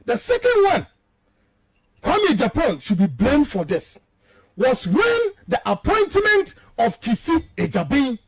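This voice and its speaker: On a poor-quality audio recording, a Ghanaian-accented man speaks slowly in an extremely high voice with huge swings in pitch. He's a radio show guest commentator offering heated, indignant political talk, mixing languages and repeating words to drive points home.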